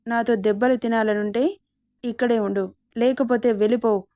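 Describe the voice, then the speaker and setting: A woman's voice: a little high, fairly even intonation, moderate pace, warm tone, lightly acted. A woman voicing an angry, brooding young man in a storybook, speaking curtly and sternly.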